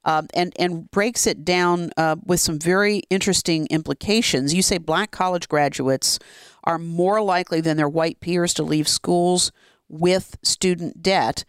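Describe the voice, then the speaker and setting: A smooth radio talk show host taking calls and interviewing guests live, measured and polite with some fillers. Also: medium pitch, steady tone, dry recording, clean studio sound. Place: radio studio. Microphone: close studio microphone.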